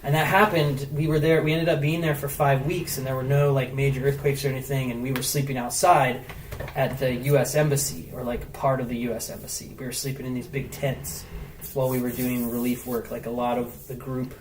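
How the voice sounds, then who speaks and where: A mid-range man's voice, a little fast, tells a story from a distant mic; he's a travel blogger guesting on a podcast. His delivery is loose and animated, peppered with "like" and swears, over roomy echo and a faint hiss.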